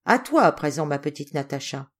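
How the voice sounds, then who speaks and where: A woman voicing an affectionate, gruff old Russian general in an audiobook, in a hearty, animated way. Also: sits low, a little fast, pitched below the performer's own voice. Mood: fond, hearty.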